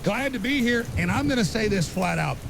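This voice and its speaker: This man's voice is high and gravelly, brisk, with lively intonation. Playing a conspiracy theorist as the guest on a fictional apocalypse podcast interview, he sounds grim, urgent and insistent, delivering clipped, certain, emphatic and ominous statements while rain and a faint hiss play behind him.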